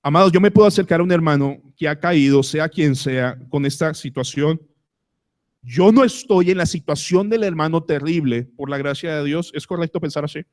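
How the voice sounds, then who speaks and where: Colombian pastor preaching a sermon. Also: male voice, fairly high pitch, moderate pace, a little mellow. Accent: Colombian Spanish. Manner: preaching with rhetorical questions to the congregation. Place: church service.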